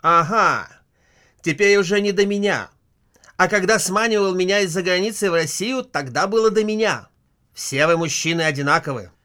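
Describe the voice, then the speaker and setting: A high, shrill, nagging wife, as a male reader puts her on in a storybook reading. She scolds and whines with histrionic swings, climbing higher and louder as she complains. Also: lively intonation, normal speed. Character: shrill nagging middle-aged wife, quarrelsome.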